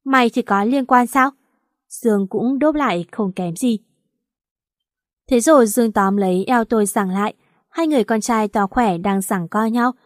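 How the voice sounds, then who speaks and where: A woman reading a first-person romance story aloud, lively and acting out the dialogue. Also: medium pitch, no echo, studio quality. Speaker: audiobook narrator.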